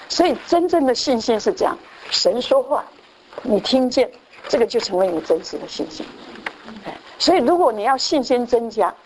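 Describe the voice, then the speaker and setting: A woman's voice: on the high side, darkish tone, a little hiss or hum. A woman preaching, telling a testimony as a sermon story with many repetitions and restarts, sometimes acting out the people she quotes. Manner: acts out quoted voices, mixing in English phrases.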